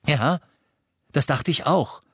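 A man reading the part of a young man who is sulky and bitter, rising to shouts. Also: fairly high pitch, slow, husky, no echo, clean studio sound, voice pushed up, exaggerated voice.

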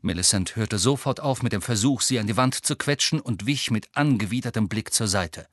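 A man narrating a storybook in an expressive, animated reading. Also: fairly low pitch, fairly quick, no room sound, studio quality. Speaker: audiobook narrator. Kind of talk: scripted narration.

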